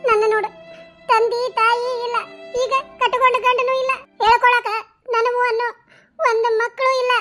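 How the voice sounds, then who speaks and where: A grieving gentle widow. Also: female voice, very high voice, little pitch movement, normal speed, faint music behind. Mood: mournful. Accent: North Karnataka Kannada. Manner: mournful, pleading.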